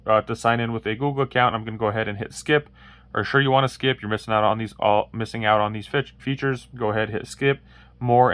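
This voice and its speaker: Hosting an easygoing phone how-to, a man with a lowish, slightly bright voice rambles through the steps, restarting often and leaning on fillers. There's no echo. Viewers see only his hands with the phone on a wooden table indoors.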